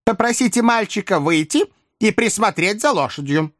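A man's voice: expressive, normal speed, a bit bright, no echo, studio quality. A man doing a fussy, fretful old lady. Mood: bossy. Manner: high, quavering, fretful. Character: fussy nervous thrifty old woman, aunt.

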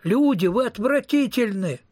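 A husky-voiced man voicing a hungry, whiny young male vampire in an audiobook reading. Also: fairly high pitch, lively intonation, moderate pace, dry recording. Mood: grumbling. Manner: whiny, grumbling.

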